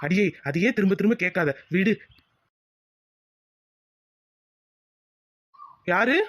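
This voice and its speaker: A man voicing a tender, devoted young husband in an animated village cartoon, with a fond, reassuring way of talking. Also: high-pitched, a little fast, dry recording.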